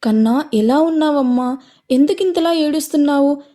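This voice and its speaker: A woman voicing a worried, gentle middle-aged mother in an audio story. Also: sits high, normal speed, voice pushed up, lightly acted. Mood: anxious gentle. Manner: anxious, gentle.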